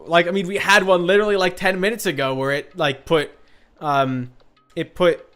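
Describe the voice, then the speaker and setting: This streamer has a high-sitting, slightly bright voice with a steady tone and moderate pace. He rambles informally and swears while chatting casually with viewers during a game, with music playing behind him.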